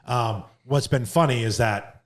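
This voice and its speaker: A man's voice: mid-range voice, measured pace. A man hosting a podcast in casual interview chat, blunt and profane, ending many lines with "right?". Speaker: podcast host.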